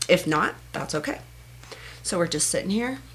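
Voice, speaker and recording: A woman teaching a self-help meditation technique in a soft, earnest manner, speaking in short, repeated phrases. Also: on the low side, expressive, normal speed, a little hiss or hum. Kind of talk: gentle guided self-help instruction.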